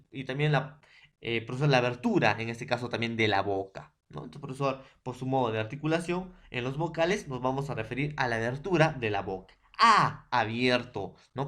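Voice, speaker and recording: Hombre profesor explicando paso a paso. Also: male voice, mid-range voice. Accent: Peruvian Spanish. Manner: repeats "profesor" and "jóvenes" as fillers, explains step by step. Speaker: school teacher. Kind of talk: recorded remote lesson.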